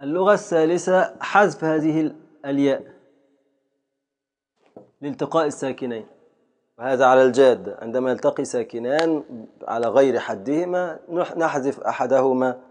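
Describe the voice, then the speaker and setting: Mellow-voiced Egyptian sheikh teaching. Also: male voice, mid-range voice. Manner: patient, repeats examples slowly and drawn out. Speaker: sheikh teaching a grammar text. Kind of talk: classroom lecture.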